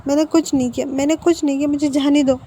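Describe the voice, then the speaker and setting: A woman's voice: high voice, steady tone, fast, mellow, slight background noise, natural voice. A woman voicing a terrified captive man tied to a chair, begging and panicked.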